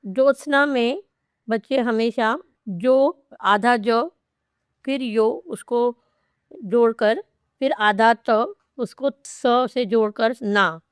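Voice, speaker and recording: Slow, careful woman teaching spelling. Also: a little high, smooth, no echo, studio quality. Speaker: Hindi teacher. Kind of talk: spelling lesson explanation.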